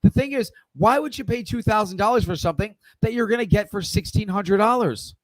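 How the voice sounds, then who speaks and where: Blunt high-voiced man lecturing traders. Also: brisk, dry recording, poor audio. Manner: blunt, swears casually, lectures the viewer directly. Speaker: stock trading livestream host. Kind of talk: live Q&A trading lesson.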